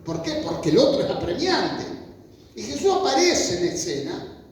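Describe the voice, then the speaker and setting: A man's voice: very high-pitched, sing-song, moderate pace. A man with a Rioplatense Spanish accent preaching a sermon, telling stories in a loose, conversational way and acting out pleading voices. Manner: informal storytelling preaching, acts out pleading voices. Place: church meeting hall. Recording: echoey hall, voice from far off.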